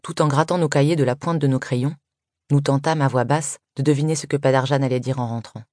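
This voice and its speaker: A woman's voice: extremely low pitch, fairly even intonation, a little fast, mellow, no echo. Woman narrating a story in a dry, close voice. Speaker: audiobook reader. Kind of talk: scripted first-person narration.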